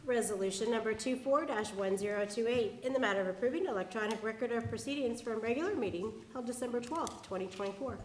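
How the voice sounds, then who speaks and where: A woman clerk reading resolutions and calling the roll at a county board meeting in a measured, plain way. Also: a little high, reverberant, a little hiss or hum, poor audio. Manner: measured, reads items aloud plainly. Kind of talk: formal meeting procedure. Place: public meeting room.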